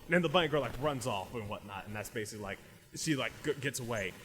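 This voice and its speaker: A man's voice: mid-range voice, animated, fast, fairly bright tone. A man hosting a casual podcast, rambling through a recap with "like" in nearly every phrase and frequent restarts. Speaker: podcast host reviewing anime.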